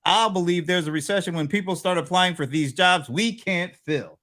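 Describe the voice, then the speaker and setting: A man's voice: high-pitched, moderate pace, pushed and bright. A man co-hosting a casual business show, joking and walking through earnings numbers with asides. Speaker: co-host.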